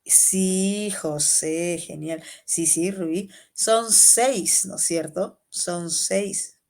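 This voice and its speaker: A woman with a Peruvian Spanish accent teaching an online exam-prep class, quizzing students by name in a lively way. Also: lowish voice, very slow. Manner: lively, calls students by name, asks and answers questions.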